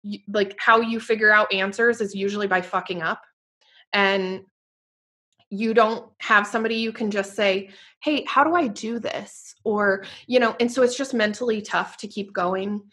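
A woman hosts a heartfelt, casual podcast chat, earnest and effusive in tone. Her voice is bright and forward, with middling pitch. She keeps dropping "like" and the occasional swear word. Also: steady tone, moderate pace. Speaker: podcast host and fitness business owner.

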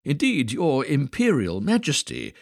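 Man reader as nervous courtier, husky, flattering. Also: mid-range voice, unhurried, no room sound, clean studio sound, voice pushed up, exaggerated voice. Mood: uneasy. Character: uneasy male court adviser.

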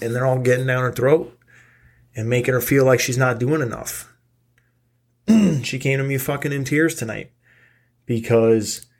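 A middle-aged man with a medium-pitched voice and vocal fry hosts his own podcast. Stoned and weary, he delivers a casual ranting monologue, angry and profane.

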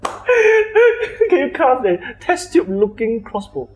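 A man playing a tabletop game, eager and quick to jump in, often repeating himself. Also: very high-pitched, huge pitch swings, a little hiss or hum. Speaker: player. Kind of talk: casual tabletop play.

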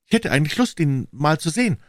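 A man's voice: fairly high pitch, very animated, quick pace, dry recording, clean studio sound, pitched above the performer's own voice. A man voicing a cheerful, friendly young schoolgirl in a storybook reading.

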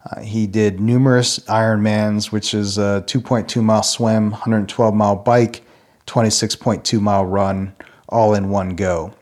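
A man in his thirties speaks to fellow believers in a low, somewhat deep voice. He tells personal stories at an unhurried, earnest pace, with frequent small fillers and restarts. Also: little pitch movement, a little mellow. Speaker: church ministry speaker. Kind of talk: reflective personal talk.

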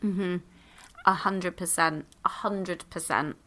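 A woman's voice: on the low side, steady tone, takes it slowly, pushed and bright. A woman, a podcast guest, giving chatty advice in a bubbly, exclamatory way with lots of fillers, speaking into a handheld microphone. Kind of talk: casual advice in conversation.

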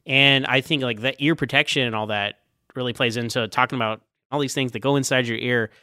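Male podcast host, quick and chatty, dry close sound. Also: mid-range voice, steady tone, pushed and bright, clean tone, no echo. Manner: chatty, with fillers like "like" and "right". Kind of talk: casual interview chat.

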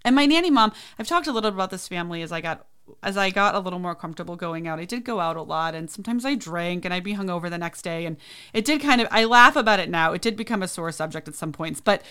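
A woman's voice: lowish voice, fast, clean tone. Chatty woman telling a story. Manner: chatty, animated, acts out quoted voices. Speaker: podcast host. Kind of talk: casual storytelling.

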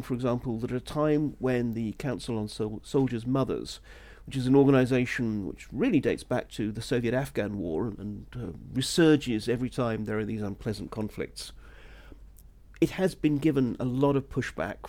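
As a solo podcast host, a man works through political analysis in a conversational, discursive way, full of asides and self-corrections. His voice is mid-range and mellow.

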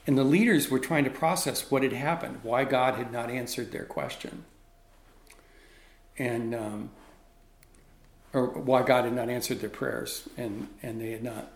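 A middle-aged man tells a story from his ministry work in a conversational setting. He acts out the people in it as he goes, with a voice of middle pitch. The room around him sounds roomy and echoey. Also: measured pace, long pauses. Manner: animated, reenacts dialogue. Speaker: ministry leader.

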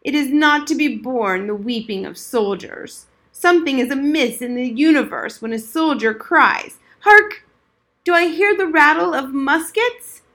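A woman's voice: on the high side, moderate pace, few pauses, a bit bright, close to an everyday voice. A woman voicing a stern old male soldier who barks drill commands. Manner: barking drill orders.

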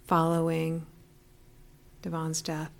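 A woman interviewer asking brief, gentle questions. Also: low-pitched, monotone, takes it slowly, vocal fry.

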